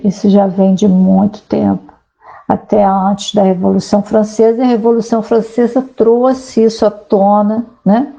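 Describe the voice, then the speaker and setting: A woman's voice: mid-range voice, vocal fry, mellow, lo-fi sound. A woman sociologist talking casually to viewers, explaining ideas and reading aloud from a website, with frequent tag questions. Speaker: sociologist commentator.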